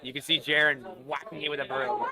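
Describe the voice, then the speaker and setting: A young man doing live commentary on a robot combat event, excitable and losing his voice. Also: mid-range voice, fast, a loud crowd. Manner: excitable, shouts at knockouts.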